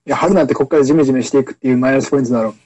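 A man co-hosting a casual chat show, answering back quickly and defensively. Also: medium pitch, fairly even intonation, muffled recording, background noise. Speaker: podcast co-host. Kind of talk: casual banter among friends.

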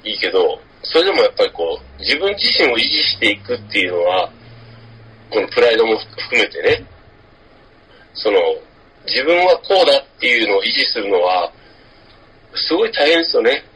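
A man co-hosts a relaxed podcast chat, often pausing to think with fillers. His voice is raspy and husky, with a lively, swinging pitch. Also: poor audio. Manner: thinks aloud with many fillers. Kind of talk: casual chat.

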